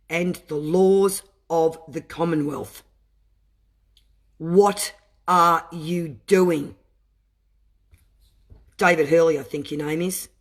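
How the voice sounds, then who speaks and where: A man who reads legal text aloud slowly and breaks into impassioned, emotional asides. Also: high-pitched. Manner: deliberate reading broken by impassioned asides. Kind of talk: reading aloud and commenting.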